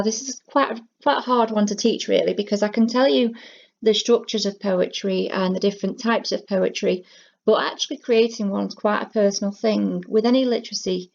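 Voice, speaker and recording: A woman's voice: medium pitch, creaky, darkish tone. A woman working as a teaching assistant, explaining a lesson in a friendly, chatty way with plenty of fillers. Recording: dull lo-fi home recording.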